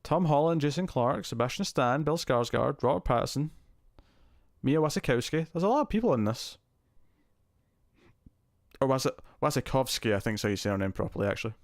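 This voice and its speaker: A man hosting a casual live stream, chatting to viewers and thinking aloud, his voice heavily compressed to an even level on a close mic. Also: mid-range voice, a little fast, no room sound.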